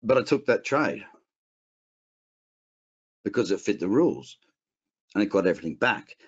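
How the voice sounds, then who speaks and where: A man's voice: on the low side, big pitch swings, normal speed, husky. A man with an Australian accent teaching a casual trading webinar, blunt and rambling, with frequent restarts. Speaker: trading educator. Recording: dull lo-fi webinar audio.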